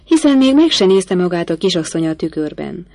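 Woman doing a fussy lady's maid, gently scolding, low voice. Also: sing-song, dry recording. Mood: fussing. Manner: fussing, admonishing.

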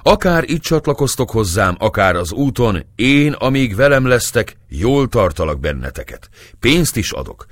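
A man's voice: mid-range voice, sing-song, dry recording, voice pushed up. A man reading aloud and voicing a cheerful, commanding Turkish bey in a story. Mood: delighted. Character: jovial Turkish bey, middle-aged man.

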